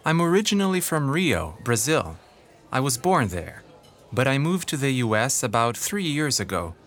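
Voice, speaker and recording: A man's voice: medium pitch, very animated, moderate pace, a bit bright. An actor playing an easygoing young male college student in a scripted textbook dialogue. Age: young adult.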